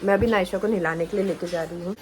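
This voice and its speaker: A woman's voice: on the low side, steady tone, quick pace. Young woman, casual vlog chat, roomy echo, faint background hum. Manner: chatty, addresses viewers directly. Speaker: vlogger. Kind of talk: casual vlog talk to camera. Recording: echoey room, voice a bit far from the mic, faint background hum.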